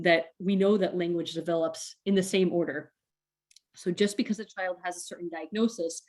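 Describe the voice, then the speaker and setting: A woman's voice: on the low side, darkish tone. A woman speech therapist giving a casual, chatty webinar talk to parents, with many fillers and small laughs. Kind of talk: recorded webinar presentation for parents.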